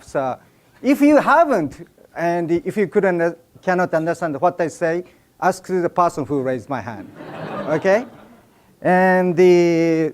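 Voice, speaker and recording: A man's voice: fairly high pitch, a little mellow. A man with a Japanese accent, a native Japanese speaker, giving a joking seminar talk and directing a live audience.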